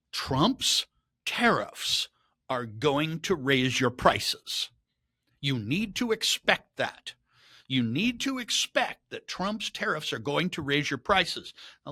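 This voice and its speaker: A man delivers pointed commentary on the market as a podcast host. His voice is bright and lively, and it swings up and down as he leans into his words with heavy sarcasm. He talks slowly, and the recording is dry and close. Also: fairly high pitch, no room sound. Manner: sarcastic, emphatic, rising to indignant outbursts.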